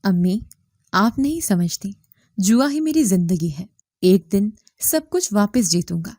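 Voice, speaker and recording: Story figure: defiant reckless young son, dark tone, dry read, woman narrator voicing him. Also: mid-range voice, no room sound, natural voice. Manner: defiant, careless.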